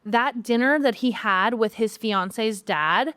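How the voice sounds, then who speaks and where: A woman's voice: fairly high pitch, takes it slowly, smooth, dry recording. Brief: opinionated woman co-host, casual podcast banter, dry close sound. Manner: opinionated, animated storytelling. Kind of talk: casual chat.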